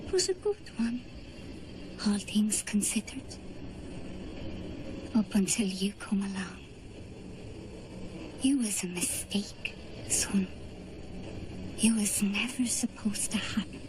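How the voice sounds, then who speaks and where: An actress playing a cold older mother in a horror drama, speaking to her son in plain, folksy words with quiet cruelty. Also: mid-range voice, lively intonation. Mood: quietly cruel. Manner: slow, plain-spoken, folksy grammar. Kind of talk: horror television drama acting. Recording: noisy background under dialogue.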